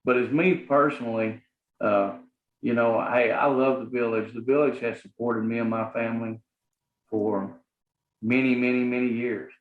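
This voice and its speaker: Guest: middle-aged man, Southern drawl, sincere and halting, lo-fi roomy audio. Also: medium pitch, fairly even intonation. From Arkansas, US. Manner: earnest, rambling with many fillers. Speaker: guest, property manager. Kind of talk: casual interview talk. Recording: echoey, phone-like sound.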